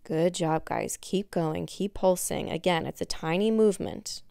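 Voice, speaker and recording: Unhurried, clear-voiced woman aerobics instructor. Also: fairly low pitch, warm tone, no echo, clean studio sound. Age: young adult. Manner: encouraging cueing while exercising along. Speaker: fitness instructor. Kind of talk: instructing an at-home workout, aerobics instructor manner. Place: indoor wood-floored exercise studio.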